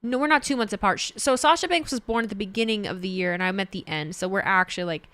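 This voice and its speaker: A woman's voice: mid-range voice, fast, a bit bright, no room sound. A woman in her thirties streaming and chatting casually, rambling and correcting herself as she reads chat. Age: 30s. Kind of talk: casual livestream chat, reading chat.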